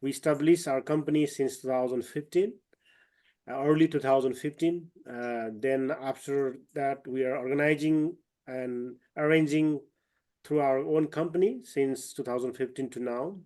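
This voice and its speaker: A man from eastern Nepal, a trekking guide and company owner, speaks haltingly with many fillers and restarts over a video call. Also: medium pitch, steady tone, darkish tone. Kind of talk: online webinar talk.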